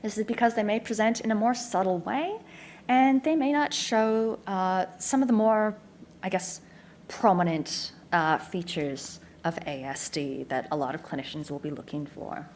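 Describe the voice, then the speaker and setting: An Australian woman giving a clear, informative conference presentation as a neuropsychologist, with frequent ums. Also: mid-range voice, moderate pace, a little mellow, slight background noise. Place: community information day presentation.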